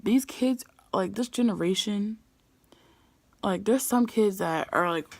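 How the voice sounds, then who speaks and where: Young woman, 18, vlogger, fed-up storyteller, gravelly, dry close sound. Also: medium pitch, measured pace, a little mellow, no room sound. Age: young adult, 18. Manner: exasperated, ranting. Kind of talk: casual storytime vlog.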